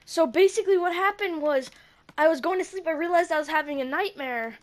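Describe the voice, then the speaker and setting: A woman's voice: very high voice, a little fast. A young woman co-hosting a casual podcast, telling a spooky story and acting out the quotes with yelps. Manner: animated, acts out quotes with yelps. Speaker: podcast co-host.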